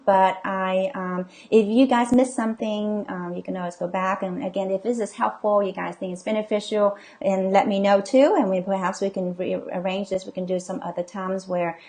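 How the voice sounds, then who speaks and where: A woman's voice: medium pitch, darkish tone. Woman coach reassuring her live viewers. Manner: reassuring, many okays and ums, reads comments aloud. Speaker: coach and healer hosting a live session. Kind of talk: live-stream talk reading viewer comments.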